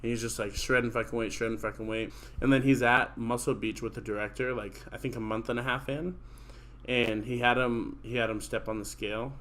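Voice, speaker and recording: A man's voice: mid-range voice, steady tone, fairly quick, a bit bright. A young man hosting a podcast, rambling casually and swearing often, with lots of fillers like "like". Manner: rambling, profane, heavy use of "like". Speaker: podcast host. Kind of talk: casual chat.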